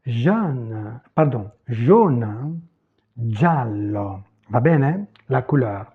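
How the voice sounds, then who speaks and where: Guy teaching a language at a whiteboard, slightly high voice, thin phone-ish sound. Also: slightly rough, phone-quality sound. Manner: slow, lively, modeling pronunciation word by word.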